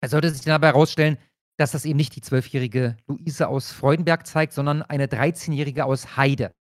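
A man's voice: a little high, fairly even intonation, fairly quick, no room sound, studio quality. A man hosting a casual news reaction show, talking loosely with frequent filler sounds and restarts. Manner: hesitant, many fillers and restarts. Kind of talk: casual commentary.

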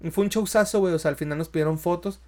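A young Mexican man, a stand-up comedian, telling stories in a slangy, animated way and acting out what people said. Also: high voice, racing, soft background music. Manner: animated storyteller, slangy, acts out quotes. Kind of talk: casual podcast chat.

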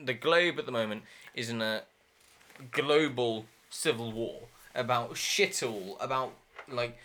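A man's voice: medium pitch, measured pace, fairly bright tone, a little hiss or hum. A British man bantering casually as a podcast co-host, sweary and insistent as he argues his points.

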